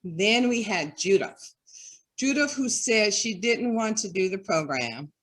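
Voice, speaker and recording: A woman speaks as a guest in an online interview, earnest and heartfelt. She talks at an unhurried pace. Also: mid-range voice, lively intonation, fairly bright tone. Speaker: development director.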